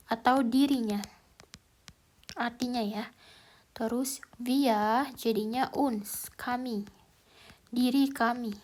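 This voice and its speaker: Slow, hesitant woman tutor. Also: on the high side, a little mellow. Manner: slow, hesitant, thinking aloud with fillers. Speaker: German language tutor. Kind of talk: casual explanatory lesson.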